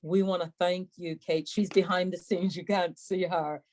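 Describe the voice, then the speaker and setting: A woman's voice: lowish voice, fairly even intonation, moderate pace, a little mellow. A woman hosting an online webinar question and answer session in a courteous, somewhat formal way. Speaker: webinar host and moderator.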